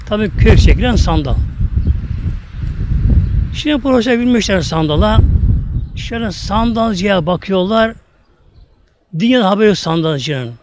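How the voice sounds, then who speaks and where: A man preaching a sermon to his congregation, emphatic, telling stories and drawing out Arabic verses slowly. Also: high voice, slight background noise. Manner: addresses congregation repeatedly. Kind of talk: sermon with storytelling.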